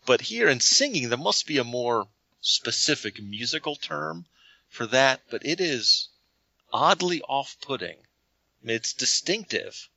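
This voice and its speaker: A man's voice: medium pitch, big pitch swings, a little slow, vocal fry, pushed and bright, no echo, lo-fi sound. A man co-hosting a podcast, talking emphatically about an album and repeating himself as he builds a point. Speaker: podcast co-host. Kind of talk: casual album discussion.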